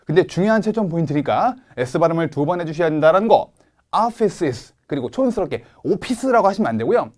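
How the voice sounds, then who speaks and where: Lively Korean man teaching English pronunciation. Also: high voice. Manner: coaching, models English words for the viewer to repeat. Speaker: TOEIC Speaking instructor. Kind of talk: online video lecture.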